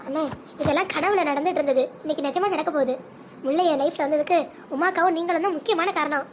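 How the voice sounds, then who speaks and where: Cartoon casting: actor voicing a devoted young groom, very high-pitched and rapid. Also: male voice, slight background noise. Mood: earnest. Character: young male groom, earnest and devoted to his sister. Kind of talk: cartoon voice acting.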